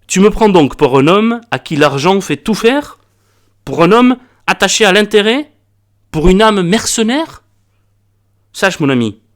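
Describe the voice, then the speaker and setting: Un homme jouant un docteur pédant et prétentieux. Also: male voice, medium pitch, close to an everyday voice. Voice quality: declaiming, lecturing, self-important. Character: pompous arrogant learned doctor, male, middle-aged. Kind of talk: reading a classic farce aloud.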